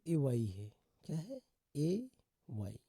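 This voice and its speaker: A man with a mid-range, warm, husky, gravelly voice and huge pitch swings teaches English pronunciation in Hindi. He goes slowly and repetitively, drawing out example words and repeatedly addressing viewers as "friends." The recording is dry.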